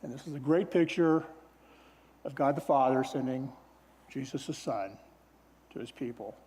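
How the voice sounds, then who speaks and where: A man preaching a sermon as pastor, in a relaxed, conversational storytelling way. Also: medium pitch, moderate pace. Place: church sanctuary. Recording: long church hall reverb.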